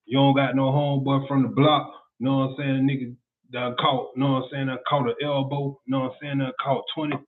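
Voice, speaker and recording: A blunt man from Central Florida with a Southern accent, hosting a casual podcast monologue and often saying "you know what I'm saying". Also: on the high side. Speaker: podcast host. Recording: tinny phone-like sound.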